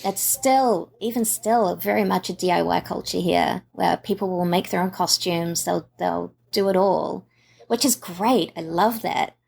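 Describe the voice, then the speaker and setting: A woman with a New Zealand accent, a costume maker talking in a casual, relaxed interview and often saying "yeah". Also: on the low side, unhurried, gravelly, breathy edge. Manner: relaxed, agreeable, frequent "yeah" affirmations.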